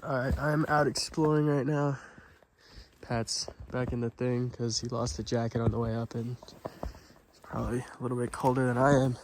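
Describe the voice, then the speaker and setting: A man's voice: mid-range voice, flat delivery, moderate pace, slight background noise. A man narrating an overnight camping vlog in a casual, informal, understated way. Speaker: vlogger.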